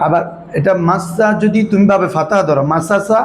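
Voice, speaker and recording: A male Arabic grammar teacher, drilling his students with quick questions in a patient classroom manner. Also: high voice, echoey room, a little hiss or hum, poor audio.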